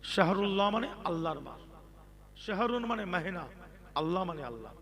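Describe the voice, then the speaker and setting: High-voiced preacher calling out to a crowd. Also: male voice, very animated, a little fast. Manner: calls on the crowd to answer loudly, swings from soft talk to chanted preaching. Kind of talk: sermon.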